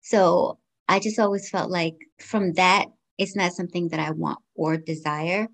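Her fairly low voice is steady, a little slow, and creaky, yet fairly bright in tone. She's a Guyanese-born woman in her forties, raised in the United States, appearing as a podcast guest and answering questions with thought and candor.

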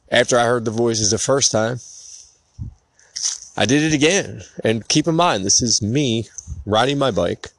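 A man's voice: mid-range voice, a little slow, vocal fry, long pauses. A man in his thirties hosting a podcast, telling a personal story in an earnest, emotional, rambling way. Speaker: podcast host.

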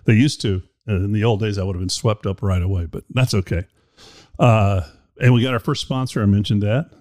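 A man's voice: fairly low pitch, steady tone, brisk, darkish tone, no echo, studio quality. A man hosting a podcast in casual chat, talking in a rambling, chatty, self-deprecating way. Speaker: podcast host. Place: indoor room.

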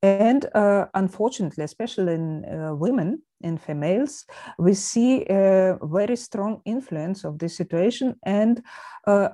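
Female surgeon on an expert panel: Russian accent, mellow dark tone, hesitant phrasing, very dry close sound. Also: mid-range voice, dry recording. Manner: hesitant, halting delivery with many pauses. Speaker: eye surgeon, panel guest.

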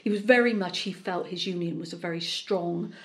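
A middle-aged woman from Bristol with a West Country accent softened by South Wales, talking chattily in an interview with frequent restarts and rolled R's. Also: lowish voice, brisk. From Bristol, England. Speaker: politician, interview guest. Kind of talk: conversational interview.

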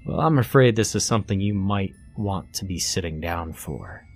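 A man voicing a calm, formal police officer. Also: deep voice, normal speed, soft background music. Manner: polite, official phrasing.

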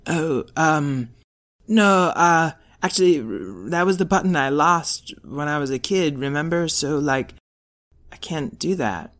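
A man voicing a laid-back young male robot in a bedtime story, talking in slow, hesitant slang. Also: on the high side, animated, fairly bright tone. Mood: downcast.

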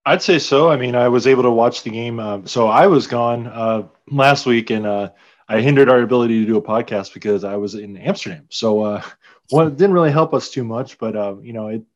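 A man of medium pitch co-hosts a sports podcast in a casual, rambling way, often hesitating. The audio is slightly dull and lo-fi. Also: fairly quick. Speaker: podcast co-host.

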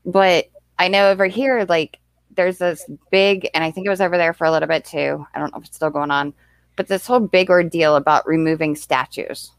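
With a fairly quick pace and fairly even intonation, a young American woman with a lower voice chats on her livestream in a dry recording. She rambles casually and keeps thanking the people watching.

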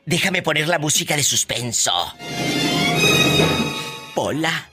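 A Mexican woman hosting a comic call-in radio show, grandiose and theatrical, breaking into booming shouts. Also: lively intonation, slow pace, over music.

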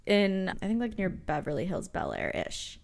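Chatty young woman, animated storyteller. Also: mid-range voice, normal speed, vocal fry. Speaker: podcast co-host. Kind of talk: casual chat.

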